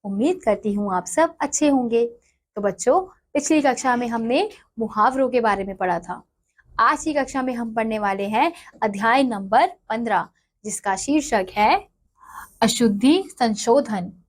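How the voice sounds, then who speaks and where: A woman teaching a lesson to children, explaining slowly and repeating each example word. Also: a little high, lively intonation. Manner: slow, explanatory, repeats words for dictation. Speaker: Hindi teacher.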